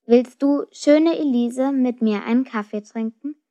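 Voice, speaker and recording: Woman voicing a lovestruck teen boy, courteous, slow and earnest, lo-fi sound. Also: high voice, mellow. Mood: courtly. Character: shy, polite teenage boy in love. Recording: dull lo-fi recording.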